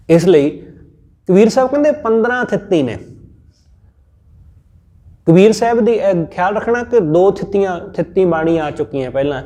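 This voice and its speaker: Man giving a measured Punjabi sermon. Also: high-pitched, dark tone. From India. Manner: measured, repetitive teaching with rhetorical examples. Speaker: Sikh scripture preacher. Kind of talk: sermon-style scripture exposition.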